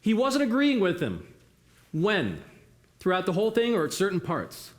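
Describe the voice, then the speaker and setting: A man's voice: high voice, wildly swooping pitch, moderate pace. A man leading an interactive theatre workshop, encouraging volunteers and asking the audience questions. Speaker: workshop facilitator.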